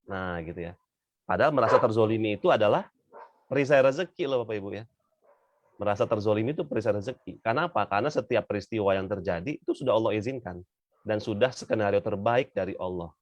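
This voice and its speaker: Male religious teacher, conversational and direct with the audience; lowish voice, dry close sound. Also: no echo. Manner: chatty, with frequent tag fillers, addresses listeners directly. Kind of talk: casual spoken lesson to an audience. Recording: dry, slightly dull audio.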